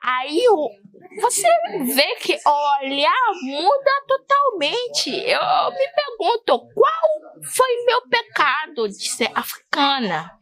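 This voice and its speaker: A woman from Benin speaking in a documentary interview about her life as a migrant. She talks haltingly, often repeating a word while she looks for the next. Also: very high-pitched, wildly swooping pitch, a bit bright. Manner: halting, repeats words while searching for them.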